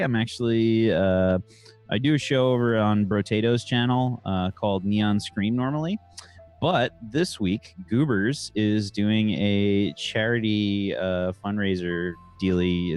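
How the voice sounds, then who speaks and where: A man's voice: fairly low pitch, clean tone. A man casually plugging his streaming channel and an upcoming show, easygoing and upbeat with many fillers. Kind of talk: casual self-promotion.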